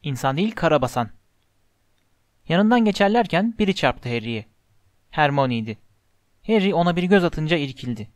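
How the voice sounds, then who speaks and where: Man narrating a storybook, fairly high voice. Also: very animated, a little fast, dry recording. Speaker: audiobook narrator.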